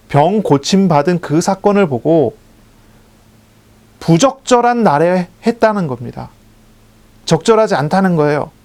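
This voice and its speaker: A man preaching a sermon as a pastor, measured and explanatory, repeating key phrases for emphasis and asking questions he answers himself. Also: high voice, darkish tone. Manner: asks the congregation questions and answers them himself.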